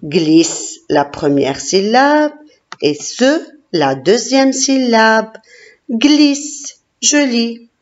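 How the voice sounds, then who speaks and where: A woman teacher leading a classroom phonics lesson, slowly sounding out syllables and praising each child. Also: on the high side, expressive. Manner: slow, encouraging, sounding out syllables. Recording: dull lo-fi recording.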